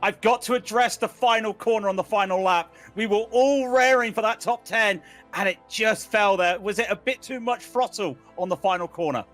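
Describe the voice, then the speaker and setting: A man's voice: high-pitched, moderate pace, fairly bright tone, soft background music. A man with a West Country English accent, interviewing drivers as a paddock reporter in a playful, teasing way. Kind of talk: sports broadcast interview.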